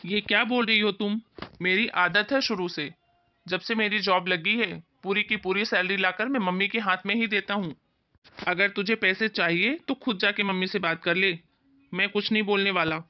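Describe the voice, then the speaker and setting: A woman's voice: medium pitch, steady tone, moderate pace, voice pushed down, natural voice. A woman voicing a stubborn young husband who speaks curtly and scolds his wife, in an amateur family skit. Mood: irritated. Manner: curt and scolding. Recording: dull, muffled lo-fi recording.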